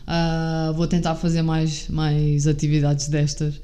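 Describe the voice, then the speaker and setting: Young woman with a mellow voice. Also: low-pitched, little pitch movement, slow pace. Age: young adult. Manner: informal, slangy, frequent check-in tags. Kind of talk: casual chat.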